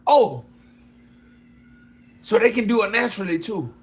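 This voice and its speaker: A man's voice: high-pitched, lively intonation, measured pace. A man talking loosely with his viewers about his clothing brand, repeating himself, breaking into whoops and laughs, and calling someone "sis". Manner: loose, repetitive, keeps addressing "sis". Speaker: fashion designer pitching his brand. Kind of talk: casual live chat with viewers.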